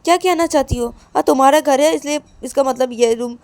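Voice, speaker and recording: Brief: woman putting on a touchy young wife, high pitched, quick to accuse. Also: darkish tone, dry recording. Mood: accusing. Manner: accusing, stammers and repeats herself. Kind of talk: storytelling with acted dialogue.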